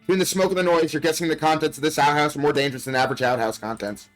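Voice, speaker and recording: A man's voice: fairly high pitch, steady tone, very fast, faint music behind, rough recording. A man doing a casual let's play, reading game text aloud with muttered, dryly understated asides. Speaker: video game player and commentator.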